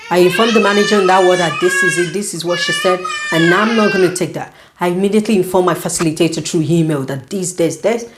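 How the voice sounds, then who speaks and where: A young woman, a student nurse, telling a story in a casual vlog, animated and indignant, with lots of "you know". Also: on the low side, fast talker, hardly any pauses, noisy background. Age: young adult.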